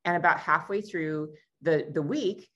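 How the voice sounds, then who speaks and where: Animated american woman telling a story. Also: low voice, a little slow, dull audio. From United States. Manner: animated, acts out quoted voices. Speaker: travel show host and tour guide. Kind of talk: casual conversational storytelling.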